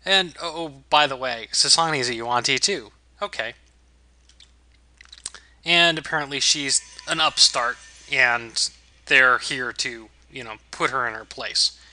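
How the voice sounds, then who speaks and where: A man's voice: medium pitch, a little slow, bright, forceful tone. A man giving casual let's play commentary as host, with wry, amused understatement. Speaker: gaming video host.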